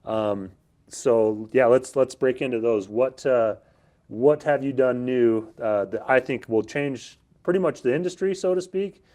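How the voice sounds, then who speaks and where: A man with a medium-pitched voice hosts a casual interview. He sounds informal and agreeable, steering the chat and responding with enthusiastic phrasing. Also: unhurried, warm tone.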